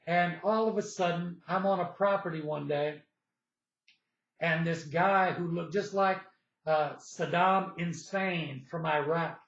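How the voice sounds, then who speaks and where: A man's voice: high-pitched, fairly bright tone. A man in his sixties from the United States, telling a personal story in a rambling way and acting out what people said. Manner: rambling, repeats himself, acts out dialogue in the retelling. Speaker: vlogger. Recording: echoey, slightly dull room sound.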